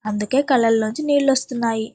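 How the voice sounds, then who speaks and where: A woman voicing a young wife who quietly hides her sorrow. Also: fairly high pitch, fast, dry recording, close to an everyday voice. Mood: hurt. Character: sad young wife hiding her pain.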